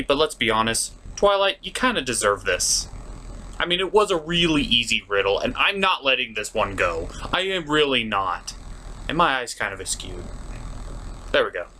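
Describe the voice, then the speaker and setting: A man with a pushed, bright mid-range voice hosts an online puppet review show, delivering a comedic scripted cartoon review. His manner is theatrical, sarcastic, and exasperated, with slight background noise in the recording.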